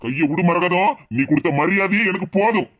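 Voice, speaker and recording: A woman's voice: fairly low pitch, expressive, fairly quick, highs cut off, slight background noise, voice pushed down, close to an everyday voice. A woman voicing a proud, offended middle-aged man with a Tirunelveli Tamil accent, speaking curtly.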